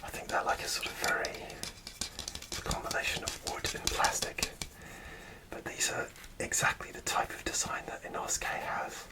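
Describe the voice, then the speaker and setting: Pauses and hesitations fill the soft, rambling whisper of this male ASMR creator as he tells a story right up against the microphone.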